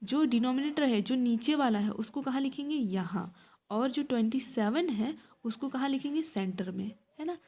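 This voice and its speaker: A woman's voice: high voice, lively intonation, normal speed, dark tone. A woman teaching a math class, asking the class questions and answering them herself, with frequent checks that they understood. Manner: frequent checks like "samajh mein aaya?".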